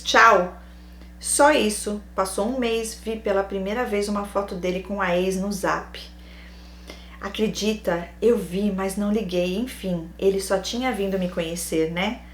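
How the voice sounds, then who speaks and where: A woman's voice: mid-range voice, a little hiss or hum. A woman with a Brazilian accent, hosting and reading a listener's personal story aloud, acting out quoted lines and adding wry asides. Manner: animated, acts out quoted lines, adds wry comments. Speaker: host reading a listener's letter. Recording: roomy echo.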